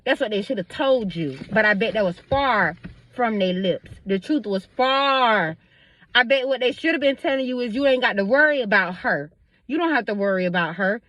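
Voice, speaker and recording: A woman's voice: on the high side, animated, moderate pace, a bit bright, no echo, lo-fi sound. A woman vlogger talking to her viewers in a casual monologue, emphatic and preachy, addressing them directly.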